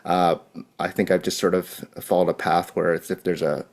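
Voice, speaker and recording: A man in his forties, relaxed and upbeat, introducing himself as a guest on a video call. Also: sits low, normal speed. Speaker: guest, UX manager. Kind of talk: casual self-introduction.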